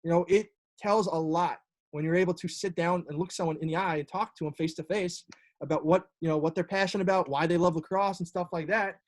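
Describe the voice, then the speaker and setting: A man's voice: high-pitched, steady tone, brisk. A young man, a college lacrosse coach talking casually on a video call, rambling with many fillers and restarts.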